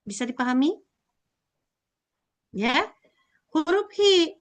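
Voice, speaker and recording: A young woman with a high voice explains a language lesson at an unhurried pace. She repeats each sound patiently and keeps checking that her students are following along. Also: big pitch swings. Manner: slow, repetitive, checks understanding often. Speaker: Japanese language teacher. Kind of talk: recorded classroom lesson.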